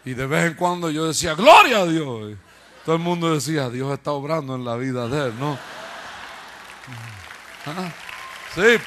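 A man preacher tells his testimony with humor, acting out other people's voices and laughing at himself. His voice is a little high, pushed, and bright, with slight background noise behind it.

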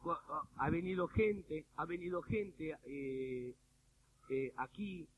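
A man preaching a sermon with an Argentine accent, animated and humorous, often mimicking people in little quoted bits. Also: a little high, takes it slowly. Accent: Argentine Spanish. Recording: phone-like radio broadcast with faint noise.

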